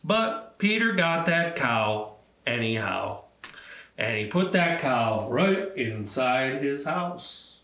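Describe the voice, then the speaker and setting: Here a library storytime host leads activities and tells stories to young children, speaking simply and with encouragement. His mid-range voice is very animated, bright and forceful, yet he takes it slowly, and the sound is roomy.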